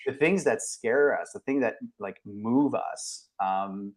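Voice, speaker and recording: A man in his forties hosting a podcast interview, chatty and thinking out loud with many fillers. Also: on the low side, animated, slow. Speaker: podcast host and leadership coach. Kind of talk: casual interview chat.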